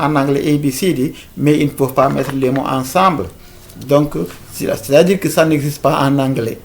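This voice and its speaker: Guy teaching a lesson, lots of euh and restarts, a bit high voiced. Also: slight background noise. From Africa. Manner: hesitant, many fillers and restarts, repeats words. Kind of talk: informal video lesson.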